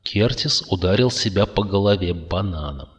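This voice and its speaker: A man narrating a story in a calm, even reading voice. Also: low-pitched, normal speed. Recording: long reverb.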